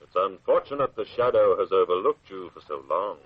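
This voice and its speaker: The Shadow, husky mocking avenger. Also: male voice, deep voice, lively intonation. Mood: silky menace. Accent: Australian. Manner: slow, taunting, theatrical delivery. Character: The Shadow, menacing mocking mysterious male crime avenger. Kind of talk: old radio drama acting. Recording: muffled lo-fi vintage radio recording.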